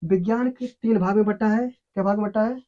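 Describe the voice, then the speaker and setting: This is a teacher giving a science lesson at a middle pitch. The teacher asks the class a question, pauses, then answers it and repeats the key word. The recording is dull and lo-fi. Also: warm tone.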